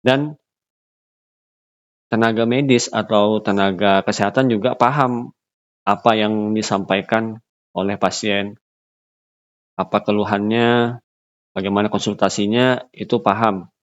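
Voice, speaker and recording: Low-voiced man giving a lecture. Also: steady tone, muffled recording. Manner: unscripted, halting with fillers and restarts. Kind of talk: recorded lecture.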